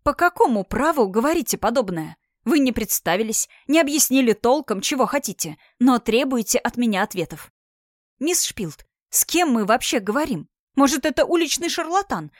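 Brief: woman playing a melodramatic, defiant young lady for an audiobook; higher voice. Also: big pitch swings, normal speed, dry recording, studio quality. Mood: indignant. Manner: theatrical, stubborn, then sharp and hissing.

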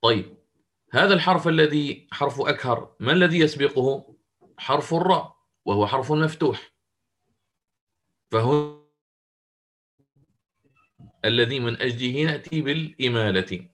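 In an interactive online lesson, a man teaches Quranic recitation in an ordinary middle-pitched voice that is a bit bright. He goes through each rule step by step at a moderate pace, with long pauses, repeatedly stopping to question his students.

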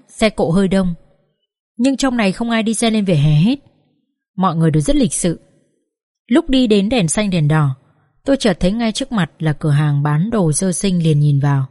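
Woman audiobook narrator, mid pitch, emotive first-person reading with acted pleas, dry booth sound. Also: dry recording. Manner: expressive, acts out sobbing pleas. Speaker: audiobook reader.

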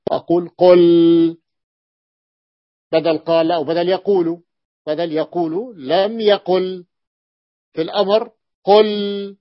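A man's voice: a little high, no room sound. Guy teaching a class, says each example twice, close dry mic, kinda dull lo-fi audio. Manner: repeats phrases, stresses examples. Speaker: sheikh teaching Arabic morphology. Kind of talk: classroom lesson explanation. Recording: muffled lo-fi recording.

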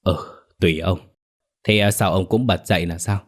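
A man's voice: sits low, steady tone, normal speed. A man voicing a timid, worried old village mother who speaks hesitantly. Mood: anxious.

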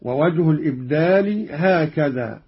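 Husky man teaching Quran recitation. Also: on the high side, animated. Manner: slow, deliberate, alternates chanted recitation with spoken explanation. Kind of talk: explaining Qalun readings, chanting verse examples. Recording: dull lo-fi old radio recording.

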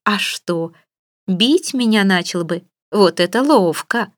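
A woman's voice: mid-range voice, expressive, slow, no echo, studio quality. A woman reading an audiobook, voicing a capricious young bride who is sulky, tearful and sarcastic. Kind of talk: audiobook character voice.

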